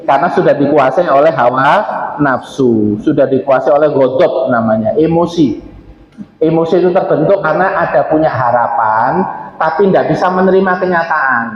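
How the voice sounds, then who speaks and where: East javanese male preacher, higher voice, lively and joking, echoey hall, dull lo-fi sound. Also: normal speed, a little hiss or hum. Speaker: Islamic preacher. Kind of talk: mosque sermon. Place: large mosque hall.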